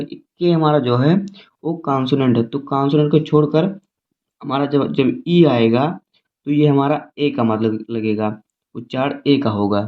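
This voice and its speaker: Over audio with a thin, phone-like quality, a man with a medium-pitched voice leads an English phonics lesson, going slowly and repeating himself as he spells words out one letter at a time.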